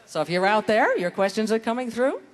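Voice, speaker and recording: A woman moderating a convention panel, briskly reading out audience questions. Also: on the high side, very animated. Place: convention hall stage. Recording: echoey hall, faint ambience.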